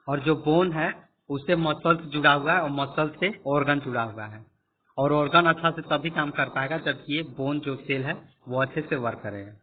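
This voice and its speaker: A man's voice: on the high side, breathy edge. Tinny-sounding man teaching biology. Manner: explanatory, repeats points and quizzes listeners. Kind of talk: classroom lecture with screen annotation. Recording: tinny phone-like audio.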